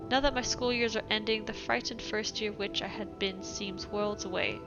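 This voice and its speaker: A young woman reads letters aloud and chats casually while streaming a game, laughing often and filling her speech with fillers. Her voice is mid-range, and her accent is a mixed European English shaped by British roots and a European upbringing. The audio sounds dull, with music in the background.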